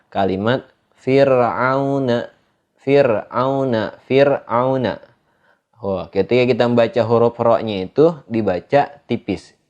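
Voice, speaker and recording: A man's voice: lowish voice, dark tone, highs cut off. A man teaching Quran recitation rules, explaining patiently and drawing out each recited example. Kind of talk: tajwid lesson. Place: studio.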